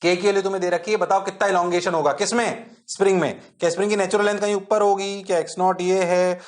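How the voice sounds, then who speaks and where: A man teaching physics in a lively, jokey way, constantly checking that the class is following and sometimes answering his own questions in a low student voice. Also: fast talker. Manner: jokey and self-mocking. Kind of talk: online exam-prep lecture.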